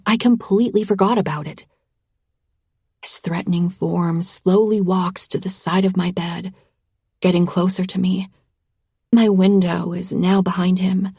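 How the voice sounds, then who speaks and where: Casting: woman narrator, slow breathy whisper, close and dry, whispered audiobook narration. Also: on the low side, dark tone, no room sound.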